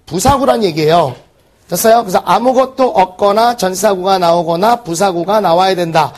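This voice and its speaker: A man teaching an exam-prep English lesson, firing quick rhetorical questions at the class. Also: high-pitched. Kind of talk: recorded exam-prep lecture.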